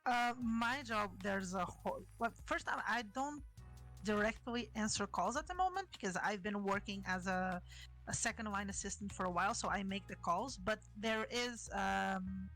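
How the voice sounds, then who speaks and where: A woman co-hosting a podcast, chatting casually and complaining with animated exasperation about work. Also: mid-range voice, moderate pace, soft background music, poor audio. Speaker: podcast co-host, customer service worker. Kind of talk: casual chat.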